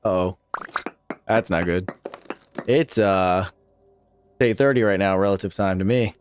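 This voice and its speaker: A man's voice: sits low, measured pace, noisy background. A young man streaming a video game live, chatting casually, laughing often and swearing freely. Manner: laid-back, swears a lot, laughs often. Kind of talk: casual live gameplay chat.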